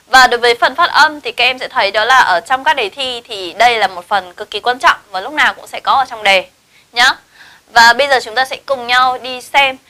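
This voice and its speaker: Bright-voiced woman teaching. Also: a little high. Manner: addresses students with frequent tag questions and fillers. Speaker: English teacher. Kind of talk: classroom lesson.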